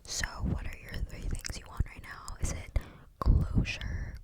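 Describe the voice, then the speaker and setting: A young woman gives a rambling, unscripted ASMR talk in a breathy, clicky whisper, very close to the mic as if right in your ear. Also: a little slow. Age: young adult. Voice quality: breathy, unvoiced whisper with clicky mouth sounds. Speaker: ASMR video creator. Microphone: close microphone without cover.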